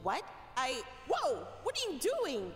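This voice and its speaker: A perky young ghost woman for a cartoon video game. Her very high, animated voice is chatty and earnest, trailing a long reverb over music. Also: slow pace, full character voice. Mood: startled.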